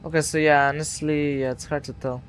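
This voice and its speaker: A man's voice: on the high side, level tone, brisk, a bit bright, faint music behind. A man streaming a flight simulator, casually thinking aloud and muttering to himself as he works through procedures.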